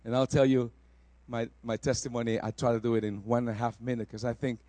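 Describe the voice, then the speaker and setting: A man from El Salvador preaching a sermon, rising to loud exclamations and dropping soft for personal testimony. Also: mid-range voice, level tone, quick pace, no echo.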